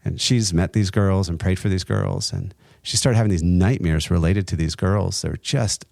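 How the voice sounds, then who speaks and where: Middle-aged man, very low voice, dry close sound, earnest halting storytelling, interview guest. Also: gravelly, darkish tone, no room sound. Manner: earnest, halting, many restarts, laughs between lines. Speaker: guest, entrepreneur and nonprofit co-founder.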